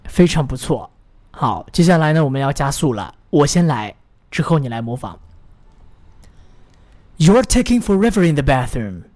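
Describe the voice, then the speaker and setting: A man's voice: mid-range voice, lively intonation, darkish tone. Encouraging male English teacher. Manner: models phrases slowly, then pauses for the listener to repeat; encouraging, praises the learner often. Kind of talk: English pronunciation drill lesson.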